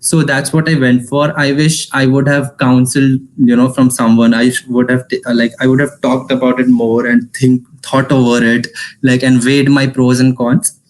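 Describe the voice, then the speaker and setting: This is a young man with an Indian accent, talking to students in an informal online session. His voice sits at an ordinary, mid-range pitch. He rushes along, mixes Hindi into his English and often breaks off to rephrase. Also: little pitch movement, rough recording. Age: 20s. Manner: fast talker, mixes Hindi into English, frequent restarts. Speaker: alumnus giving a career talk.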